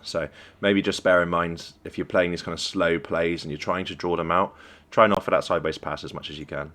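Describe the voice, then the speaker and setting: A young esports coach with a deep, steady, fairly bright voice talks quickly while going over a game replay with his team. He's encouraging and conversational, praising the good plays.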